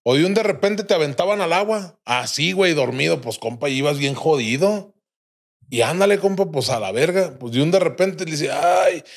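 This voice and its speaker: Gravelly, swearing Mexican man telling a story. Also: on the high side, lively intonation, fairly quick. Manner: crude, vivid, full of slang and swearing. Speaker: podcast guest. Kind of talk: casual storytelling.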